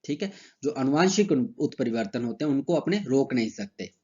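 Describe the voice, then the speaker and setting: A man giving a horticulture lecture in a casual explaining manner. He reads English phrases slowly, then explains them in Hindi with many fillers, speaking English with an Indian accent. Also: mid-range voice, lively intonation, dark tone, dull audio. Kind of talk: recorded university lecture.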